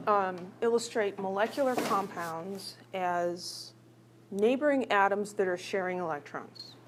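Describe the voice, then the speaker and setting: Chatty woman chemistry teacher, faint hum. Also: medium pitch. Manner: chatty, teasing, asks the class questions. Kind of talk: recorded classroom lecture.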